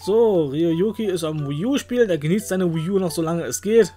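A man's voice: high voice, moderate pace, dark tone, soft background music. A man hosting a let's play, joking with the game characters and letting out silly exclamations. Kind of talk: playful gameplay commentary.

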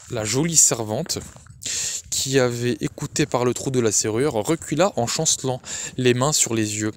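A man narrating a classic novella as an audiobook, reading steadily with the odd slip and restart. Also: mid-range voice. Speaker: audiobook reader.

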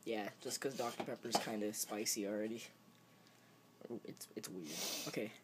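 A man's voice: fairly low pitch, steady tone, moderate pace. A young man chatting casually as he films a home vlog on a handheld phone. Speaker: vlogger filming a challenge. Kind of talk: casual chat. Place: indoors at home, kitchen and carpeted room. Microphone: handheld phone camera, held by speaker. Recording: home video with background noise.

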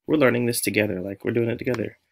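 Racing along in a creaky, mid-range voice, this American man in his thirties hosts a casual tutorial as a music teacher. He's playful and animated, thinking out loud and muttering to himself.

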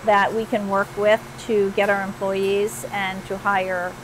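A woman in her fifties explains her business in a calm, matter-of-fact voice at a middle pitch. Her lapel mic catches a clear hum of air conditioning and machinery from the surrounding shop floor. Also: measured pace. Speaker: shop co-owner. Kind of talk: interview answers. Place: large bright machine shop floor, indoors.

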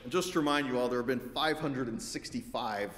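A man delivers a sermon from a church sanctuary, speaking in a steady middle register. His tone is measured and reflective, broken by wry, dry asides. The sound is roomy, with a long reverb hanging in the hall. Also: medium pitch. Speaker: pastor.

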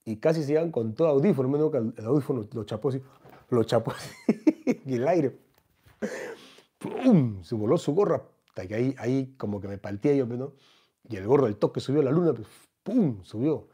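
A man comedian with a Peruvian accent, telling a comic anecdote in a slangy, animated way. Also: medium pitch, fairly quick, breathy edge. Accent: Peruvian Spanish. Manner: slangy, animated, acts out the voices.

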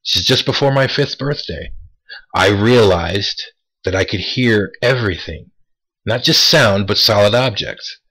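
A man with a somewhat low, husky voice talks through a casual monologue to his viewers. He takes his time, circles back to stress key words and tosses out rhetorical questions. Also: pushed and bright, rough recording. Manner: deliberate, repeats words for emphasis. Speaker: vlogger.

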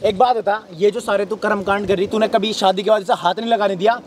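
A man's voice: high voice, steady tone, quick pace. A man stepping into a street quarrel, scolding and demanding answers, repeating himself. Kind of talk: heated street argument. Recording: noisy outdoor street recording.

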